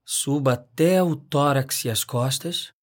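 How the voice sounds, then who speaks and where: Husky-voiced man guiding a meditation. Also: mid-range voice. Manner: calm, unhurried instruction with long pauses. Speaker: meditation guide. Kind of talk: scripted guided meditation narration.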